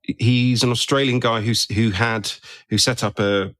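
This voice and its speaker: A man's voice: mid-range voice, fairly even intonation, unhurried, a bit bright, dry recording, studio quality. A man hosting a podcast in casual interview chat, often ending his remarks with tag questions. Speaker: podcast host.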